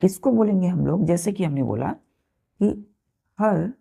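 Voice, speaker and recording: A woman's voice: lowish voice, expressive, measured pace, gravelly, dark tone, slightly rough. A woman teacher giving an exam-prep vocabulary lesson, spelling words letter by letter and often checking that students follow.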